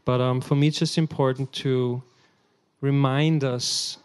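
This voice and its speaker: A man giving a sermon in short phrases, pausing so an interpreter can translate, telling stories with a laugh. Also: mid-range voice, fairly even intonation, smooth. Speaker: guest preacher. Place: church hall.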